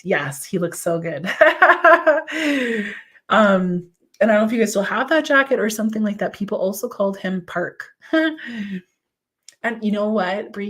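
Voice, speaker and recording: A woman's voice: mid-range voice, a bit bright. Gushing woman medium. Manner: gushing and affectionate, many "like" fillers, answers chat comments aloud. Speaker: psychic medium. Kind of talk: live-stream mediumship reading, chatting to viewers.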